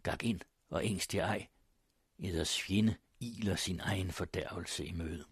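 A man's voice: low-pitched, gravelly, slightly rough, no room sound, heavily acted. A man reading an audiobook, voicing an older village pastor, indignant and pleading. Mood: reassuring. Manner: pleading, shaken.

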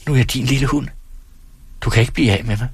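A man reading aloud, voicing a playful, clinging young woman in a lifted, softer voice. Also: medium pitch, slightly rough, dry recording, pitched above the performer's own voice.

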